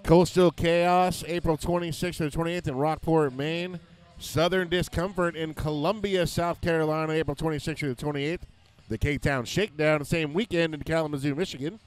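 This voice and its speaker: A man's voice: on the high side, fairly even intonation, normal speed, soft background music. A man announcing a roller derby tournament, joking as he rattles off lists of events and scores. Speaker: play-by-play announcer.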